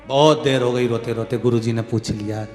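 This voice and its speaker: A man preaching a devotional sermon, telling a scripture story with theatrical, animated delivery, over a mic in a large echoing hall with soft music. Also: mid-range voice, moderate pace. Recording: echoey hall with long reverb, faint music.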